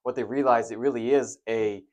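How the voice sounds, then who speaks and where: A man who is a doctor and co-hosts a podcast, explaining things in a relaxed way. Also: mid-range voice, brisk. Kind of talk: casual podcast chat.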